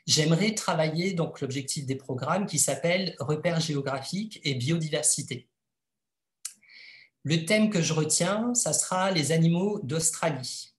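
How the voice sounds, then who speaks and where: A man's voice: a little high, animated, normal speed. A man presenting his book in an educational webinar, speaking hesitantly with frequent filler sounds. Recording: echoey room.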